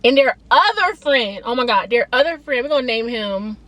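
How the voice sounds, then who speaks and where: Animated young woman telling a storytime. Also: fairly high pitch, moderate pace, slight background noise. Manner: animated, slangy, quoting people in dialogue. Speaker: vlogger. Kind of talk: casual storytime.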